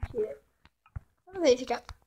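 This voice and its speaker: A woman's voice: fast, mellow. A woman chatting casually through Minecraft gameplay, talking to the animals and to her viewers as she plays. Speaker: gaming channel host. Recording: tinny lo-fi mic with faint hiss.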